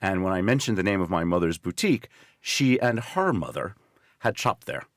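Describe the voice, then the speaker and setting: This interview guest, a journalist and risk consultant in his sixties from the northeastern United States, shares stories in a measured, conversational way that is articulate and explanatory. He speaks at a moderate pace in a low, expressive voice, and the studio-quality recording has no echo.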